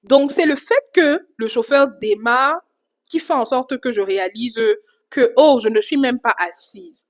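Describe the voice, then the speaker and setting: Woman from Cameroon, vlogger, animated casual storytelling with a slightly high voice. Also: unhurried. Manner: animated retelling, casual fillers. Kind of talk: storytime vlog.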